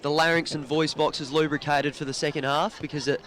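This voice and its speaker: A man with an Australian accent doing relaxed, chatty commentary of a local football match from a box above the ground. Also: on the high side, fairly quick. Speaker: sports commentator. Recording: crowd noise behind the voice.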